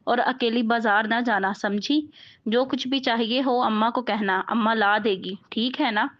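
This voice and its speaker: A woman narrator voicing a gentle young man who softly reassures, on a dull lo-fi recording. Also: a little high, fairly even intonation, measured pace. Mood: reassuring. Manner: soft, reassuring.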